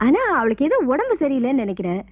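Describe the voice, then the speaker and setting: A woman's voice: high-pitched, huge pitch swings, racing, no echo, heavily acted. Sly, coaxing young woman. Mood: teasing. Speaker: film actress. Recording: tinny lo-fi film soundtrack.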